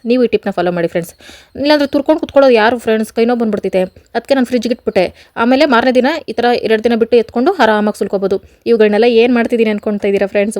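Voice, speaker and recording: A woman's voice: a little high, darkish tone, no room sound. A woman in her thirties with a rural Karnataka Kannada accent, chatting casually to viewers in a home vlog. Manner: chatty, addresses viewers as friends constantly. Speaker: vlogger.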